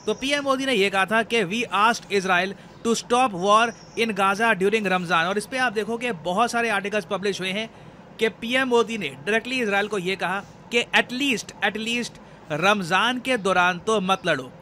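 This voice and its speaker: A man's voice: high-pitched, a little slow, sharp tone, slight background noise. A man explaining current affairs to viewers in a conversational, code-mixed lecture style. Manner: Hindi-English code-mixing, conversational explaining.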